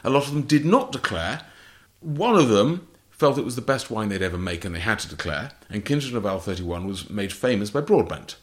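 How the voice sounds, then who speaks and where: His fairly low voice swings widely in pitch and runs a little fast with few pauses. The English port wine author responds to interview questions exactly and explanatorily, clipping his facts into short phrases.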